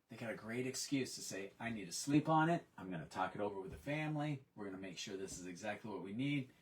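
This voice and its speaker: A man's voice: on the high side, distant mic, rough recording. A man giving a sales training talk, telling stories and acting out what customers and trainees said. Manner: animated storyteller, acts out customer and trainee quotes.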